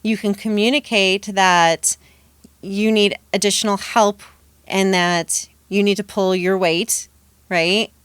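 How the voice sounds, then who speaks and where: A woman's voice: medium pitch, steady tone, slow, a bit bright, clean tone, no echo. A woman who works as a dating coach, giving confident, emphatic advice in a casual podcast conversation.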